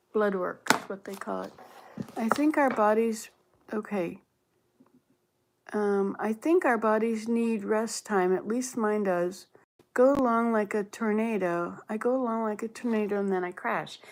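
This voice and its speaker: A woman's voice: mid-range voice, creaky, a little hiss or hum. A woman in her late sixties from Canada, chatting casually on a livestream, musing aloud and answering viewer comments as she reads them. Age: 60s. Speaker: livestream host.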